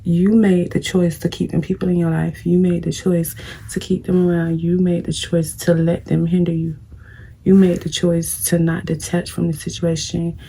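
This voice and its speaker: A young woman vlogger with a fairly low, gravelly voice talks bluntly and preachily straight to her viewers while doing her makeup. Her tone is dark and slightly rough, her delivery flat, and her speed normal in this casual get-ready-with-me advice chat.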